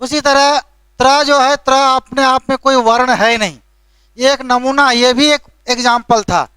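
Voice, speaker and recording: A male teacher lectures a classroom in a very high, bright and forceful voice. His tone is smooth and resonant, and the sound is dry and close. He explains patiently but scolds lightly, and keeps checking in with a tag question after each point. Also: a little slow, no echo.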